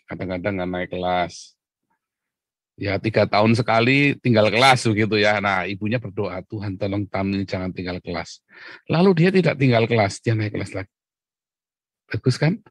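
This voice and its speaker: In a dry recording, a man with a lowish voice preaches a conversational devotional sermon. He often puts questions to his listeners, clears his throat, and chuckles along the way.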